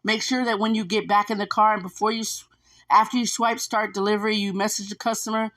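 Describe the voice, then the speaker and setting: Fillers run all through this chatty, repetitive advice vlog from a woman who does food delivery gigs. She talks fast in a mid-range, slightly bright voice with little pitch movement.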